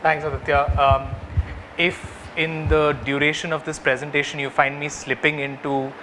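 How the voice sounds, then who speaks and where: A man with a South Indian accent gives an agency presentation in a bright, forward voice pitched a little high. He talks conversationally and checks in with listeners, over faint background noise. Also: little pitch movement, normal speed. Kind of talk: work presentation to clients.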